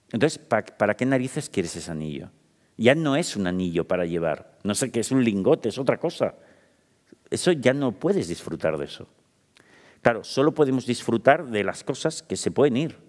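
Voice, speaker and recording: Male psychologist with a Spain Spanish accent, low voice, casual and conversational, speaking to a live audience in a reverberant hall. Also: a little mellow. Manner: informal, chatty, addresses the audience directly with frequent tag questions. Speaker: psychologist giving a public talk. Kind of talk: lively public talk. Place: municipal event hall.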